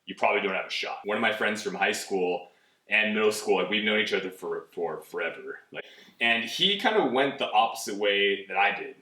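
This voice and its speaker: A man's voice: fairly low pitch, animated, brisk, sharp tone, far from the mic. A man in his twenties from California, a guest in a casual interview, laid-back and candid, with many likes. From California, USA. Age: 20s. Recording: roomy, from off the mic.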